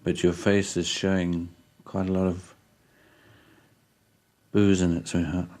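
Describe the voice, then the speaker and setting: A man conducting a documentary interview, asking gentle but probing questions. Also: deep voice, little pitch movement, measured pace.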